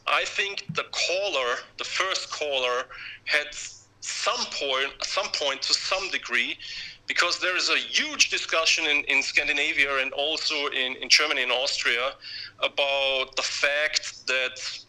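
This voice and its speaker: A man speaking as a radio show caller in a discussion, with hesitant, halting phrasing and repeated words. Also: medium pitch, bright, forceful tone, poor audio.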